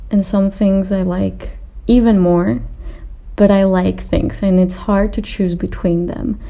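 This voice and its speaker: Talking to the camera, a twenty-something video creator with Austrian and Greek roots responds to viewer questions in a loose, meandering, somewhat hesitant chat. The lo-fi recording carries her mid-range voice.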